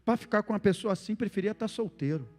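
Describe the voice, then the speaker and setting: A man with a Brazilian Portuguese accent preaching a sermon as pastor, animated and acting out the phrases he quotes. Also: high voice, quick pace, long reverb tail.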